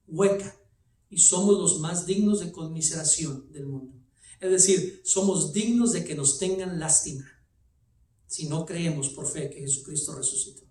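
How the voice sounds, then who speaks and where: A man preaching a sermon as a guest pastor, swinging from loud shouts to low quiet lines. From Texas, United States. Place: church sanctuary. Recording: echoey church from a distant mic.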